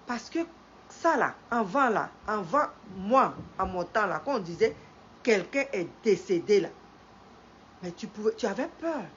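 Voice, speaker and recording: With a medium-pitched, slightly bright voice and lively intonation at a measured pace, a middle-aged woman with a head cold greets viewers on her live stream. She lectures slowly and morally, repeating phrases and turning emphatic as she preaches. Her stream audio is dull lo-fi, with faint ambience and slight background noise.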